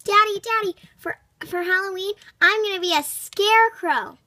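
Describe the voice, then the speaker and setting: A woman's voice: very high-pitched, measured pace, pushed and bright, no echo, voice pushed up, heavily acted. A young girl voicing an eager, boastful little daughter in improvised dollhouse play. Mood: eager, excitable.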